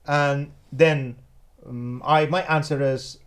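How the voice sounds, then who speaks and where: A man from Afghanistan hosting an interview, speaking haltingly with many pauses and fillers. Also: a little high, fairly even intonation. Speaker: talk show host. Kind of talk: conversational interview.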